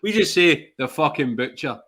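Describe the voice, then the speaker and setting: Bright-voiced Glaswegian man, blunt and sweary. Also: a little high, expressive, moderate pace, a little hiss or hum. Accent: Glasgow. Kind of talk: casual football podcast chat.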